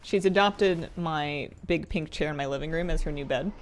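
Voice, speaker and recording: A woman's voice: deep voice, normal speed. A woman livestreaming a game, chatting casually and playfully with viewers and musing aloud as she plays. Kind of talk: casual livestream chat with viewers while gaming.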